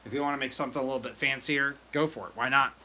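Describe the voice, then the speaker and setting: A man hosting a casual live stream about brewing mead, excitable and rambling as he chats with viewers. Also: medium pitch, rapid-fire. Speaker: livestream host.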